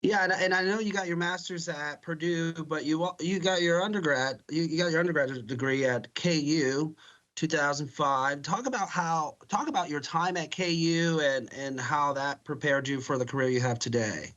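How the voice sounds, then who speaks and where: A man's voice: fairly high pitch, moderate pace, fairly bright tone, muffled recording. An American man, a local television reporter, putting questions in a broadcast interview.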